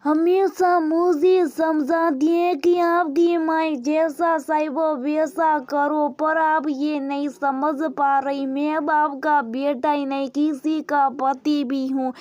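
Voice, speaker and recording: A woman's voice: high-pitched, little pitch movement, takes it slowly, hardly any pauses, darkish tone, no echo. A woman voicing an earnest young husband. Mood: pleading. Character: young married son, pleading and earnest.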